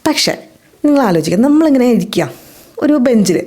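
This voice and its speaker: A very animated woman with a Malayali accent, her voice on the high side with a dark tone, leads a spoken English lesson. She answers her own questions and says the English example sentences slowly and clearly.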